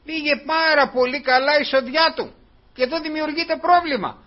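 A man preaching a sermon in an earnest, repetitive way, often calling his listeners brothers. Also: very high-pitched. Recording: dull lo-fi recording.

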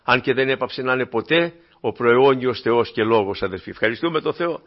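A man preaching a sermon to his congregation with fervor, moving between quiet, low asides and loud, emphatic peaks. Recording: dull lo-fi recording.

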